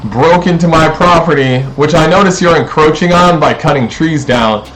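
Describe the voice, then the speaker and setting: A man's voice: on the high side, moderate pace, fairly bright tone, poor audio. Profane man in a rambling rant. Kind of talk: rambling monologue to camera.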